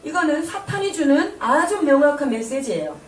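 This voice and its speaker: Fairly high-voiced woman interpreting a sermon. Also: expressive, normal speed, crowd noise. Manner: polished, explanatory, addresses congregation. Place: church sanctuary. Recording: echoey church hall, distant mic.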